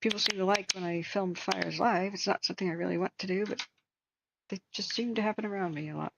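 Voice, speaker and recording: A woman's voice: medium pitch, steady tone, fast talker, creaky, background noise. A woman hosting a livestream with casual wildfire-tracking commentary, thinking aloud in a conversational way. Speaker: livestream host.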